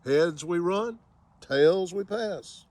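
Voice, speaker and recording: A man's voice: high-pitched, animated, very slow, darkish tone, dry recording. A man giving a casual spoken review of a football game, with wry, sarcastic humor.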